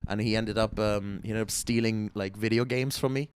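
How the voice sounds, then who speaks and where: A man's voice: lowish voice, steady tone, moderate pace, clean tone, no room sound, clean studio sound. A young man from Germany co-hosting a podcast, chatting casually and telling stories with acted quotes. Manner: laughing, storytelling with acted quotes. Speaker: podcast co-host. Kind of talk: casual chat.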